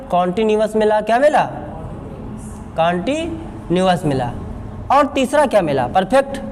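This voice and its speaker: A man's voice: high-pitched, darkish tone. A male English teacher, lecturing a class and asking questions that he answers himself. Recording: echoey classroom with faint background noise.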